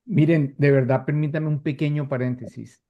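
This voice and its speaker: A man's voice: fairly high pitch, steady tone, normal speed, narrow, tinny audio. An older man with a coastal Colombian accent, giving earnest, emphatic remarks with rhetorical questions in an online discussion. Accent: coastal Colombian (costeño). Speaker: participant commenting from the audience. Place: remote online call.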